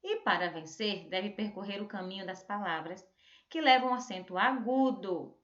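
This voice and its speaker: A Brazilian woman teaching a remote lesson, drawing out words slowly to show stressed syllables. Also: medium pitch, fairly bright tone. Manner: slow, drawn-out word modelling with stressed syllables. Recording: echoey room, dull lo-fi sound.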